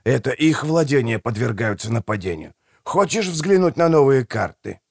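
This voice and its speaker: A man voicing a toothless old male street trader who is wheedling and theatrical, with a husky voice and fawning, conspiratorial patter. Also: mid-range voice, sing-song, moderate pace, no echo, studio quality. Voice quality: gravelly, husky. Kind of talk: audiobook character voice.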